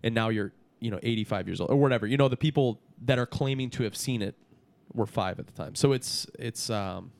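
A man's voice: medium pitch, fairly quick, gravelly, darkish tone, no echo. A man chatting casually on a podcast as a guest, peppering his talk with "dude". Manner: casual, says dude a lot.

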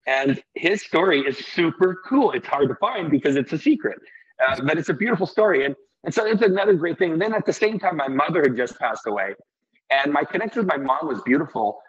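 Talking a little fast in a slightly high, husky voice, the middle-aged brewery owner from Iceland gives a casual, earnest interview. His sentences wander and restart, and the audio comes across dull and somewhat lo-fi.

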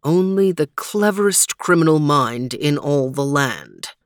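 Stout-hearted male sleuth, firm and defiant, a little deeper, voiced by a woman reader. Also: lively intonation, unhurried, no room sound, clean studio sound. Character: bold male detective hero.

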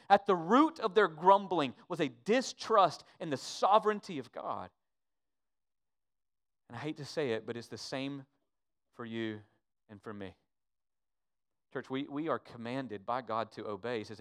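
High-voiced impassioned preacher man. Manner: impassioned preaching, swings from hushed to emphatic, repeats words. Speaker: pastor. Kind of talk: sermon.

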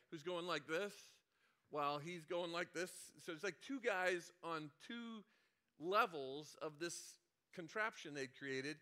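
Bright-voiced man preaching conversationally. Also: a little high. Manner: conversational storytelling, many restarts and asides. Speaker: senior pastor. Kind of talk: sermon with personal story.

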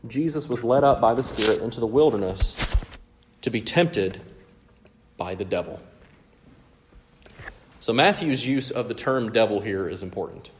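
Southern preacher with a Mississippi drawl. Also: male voice, fairly low pitch, slight background noise. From Mississippi, United States. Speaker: pastor preaching. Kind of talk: expository sermon with scripture readings.

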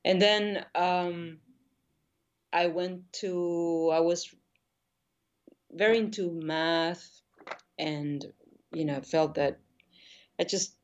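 A woman's voice: on the low side, drawn-out words, long pauses, dull audio. A middle-aged woman from Argentina, a painter being interviewed, talking in a thoughtful, hesitant way with many restarts. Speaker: guest painter. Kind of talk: casual interview conversation.

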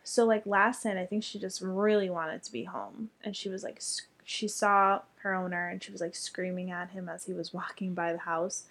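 A woman's voice: mid-range voice, flat delivery, normal speed, hardly any pauses, fairly bright tone. A young woman telling a story in casual chat, chatty and full of fillers, with casual swearing.

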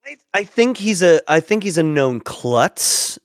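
A man co-hosting a casual chat recap of a cartoon episode, animated and quick to laugh, often acting out quotes. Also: on the high side, no room sound, studio quality. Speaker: podcast co-host.

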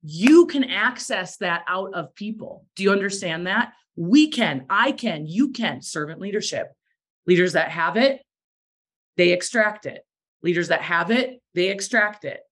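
A woman's voice: lowish voice, lively intonation, measured pace, fairly bright tone, slightly rough. A woman giving a motivational talk to a sales team, emphatic and repeating phrases for effect, with a bit of morning voice. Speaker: direct sales team leader.

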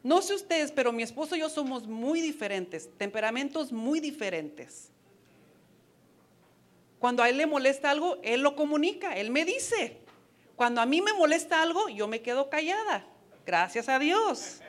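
A woman's voice: high voice, big pitch swings, normal speed. A woman preaching a sermon to wives, earnest and advising, with playful asides. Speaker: women's ministry speaker.

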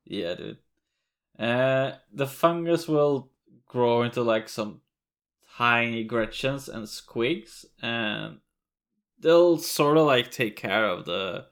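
A man's voice: mid-range voice, expressive, slow pace, fairly bright tone. A man co-hosting a podcast in casual chat, laughing often and swearing casually. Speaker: podcast co-host.

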